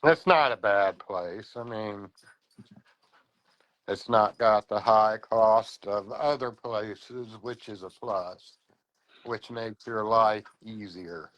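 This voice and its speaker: Slow-talking low-voiced laconic man. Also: a bit bright, dry recording, lo-fi sound. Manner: laconic, brief listener replies. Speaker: guest on a livestream. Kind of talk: casual chat.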